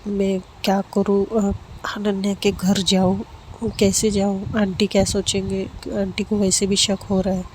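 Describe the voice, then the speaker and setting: A woman's voice: mid-range voice, monotone, unhurried, a little mellow, a little hiss or hum, lightly acted. A woman voicing Kavya, an anxious, caring young woman, in a worried, pleading manner.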